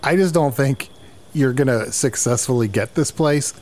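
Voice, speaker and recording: A man's voice: medium pitch, normal speed, a little mellow, lightly acted. A man playing a frank, grudging adventurer in improvised comic fantasy, blunt and confiding.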